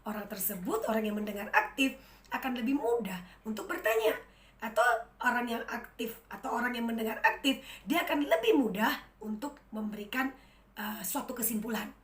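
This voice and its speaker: A woman in her thirties, a university lecturer, giving a chatty, lively lecture straight to the camera in an empty room. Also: on the high side, normal speed, roomy sound. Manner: lively, chatty, addresses students directly. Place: room without an audience.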